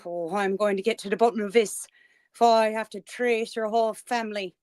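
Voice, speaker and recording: A woman's voice: mid-range voice, steady tone, fairly quick, darkish tone, a little hiss or hum, close to an everyday voice. A woman playing a blustering, officious man running a neighborhood parade vote in a radio play. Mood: suspicious. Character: pompous Irish man, auxiliary official, Mr. Kelly. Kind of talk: amateur radio drama reading.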